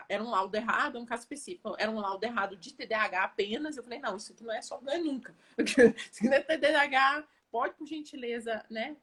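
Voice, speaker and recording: Husky-voiced woman explaining with lively energy. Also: a little high. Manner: lively, repeats words, asks listeners if they follow. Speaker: educator and guest on an Instagram live. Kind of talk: casual explanatory talk on a live stream.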